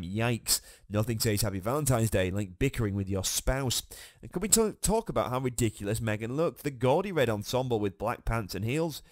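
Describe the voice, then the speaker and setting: A man's voice: fairly low pitch, no room sound. A man hosting a gossip channel, reading scripted commentary in a snarky, mocking manner.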